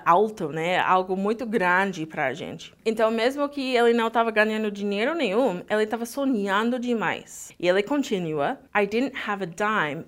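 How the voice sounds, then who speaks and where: Woman teaching in Portuguese. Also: medium pitch. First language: English. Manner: lively, switches between Portuguese and English. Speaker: English teacher. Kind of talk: language lesson, explaining lyrics.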